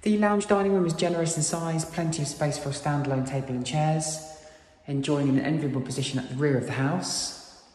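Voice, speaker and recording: A British man tours an empty new-build house inside and out, gushing like an estate agent with smooth sales talk. His voice is a little high, a little fast, and darkish in tone, and the vacant rooms give the recording an echo.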